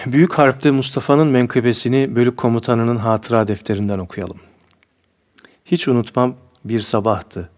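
A man narrating a war memoir aloud in a calm, measured reading. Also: mid-range voice.

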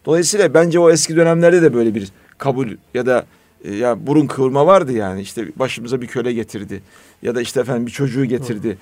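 A man of middle pitch in a casual discussion. He tells stories earnestly and animatedly. The sound is close and dry. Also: fast talker, darkish tone, dry recording.

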